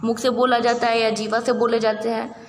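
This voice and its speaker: A woman's voice: on the high side, flat delivery, brisk. A woman teaching an exam-prep grammar lesson, patiently repeating key points and checking in with her listeners. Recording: echoey room with long reverb, faint background noise.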